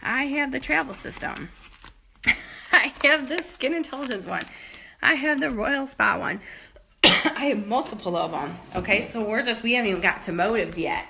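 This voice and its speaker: A woman's voice: a little high, moderate pace, gravelly, noisy background. A woman in her thirties giving a rambling, enthusiastic home tour of her products, a little out of breath as she walks around her bathroom, recorded on a phone at arm's length. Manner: chatty, rambling, enthusiastic, many fillers. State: a bit out of breath while moving. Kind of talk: casual chat. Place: home bathroom and closet, indoors. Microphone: phone held at arm's length.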